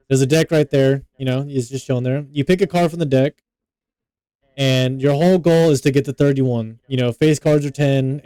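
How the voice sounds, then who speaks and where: A man's voice: medium pitch, dark tone, smooth, no room sound. A young man co-hosting a podcast, talking loosely and profanely with lots of filler words. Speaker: podcast co-host. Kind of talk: casual podcast chat.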